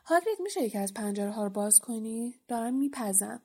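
A woman's voice: a little high, lively intonation, warm tone, slightly rough. Harry, worried schoolboy, read by a woman. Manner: anxious questioning. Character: young schoolboy, worried and probing.

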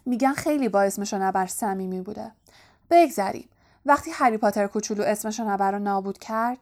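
A woman voicing Stan, an excitable, gossipy young male bus conductor who keeps asking for agreement. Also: medium pitch, lightly acted.

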